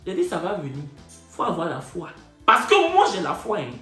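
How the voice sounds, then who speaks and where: Animated storyteller, man. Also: on the high side, a little fast. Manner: animated, repetitive, indignant asides. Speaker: comedian storyteller. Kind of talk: comic storytelling. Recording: echoey room, faint music.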